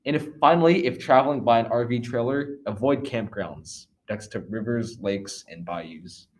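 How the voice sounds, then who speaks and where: A man's voice: mid-range voice, moderate pace, darkish tone. A teenage boy reading a scripted class presentation casually, with fillers and offhand asides. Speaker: student presenter.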